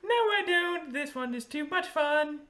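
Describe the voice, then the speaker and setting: A man's voice: extremely high pitch, animated, measured pace, sharp tone, pitched above the performer's own voice, exaggerated voice. A man voicing a smug male trickster who mocks the adventurers and cackles. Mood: smug teasing. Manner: mocking, cackling laugh.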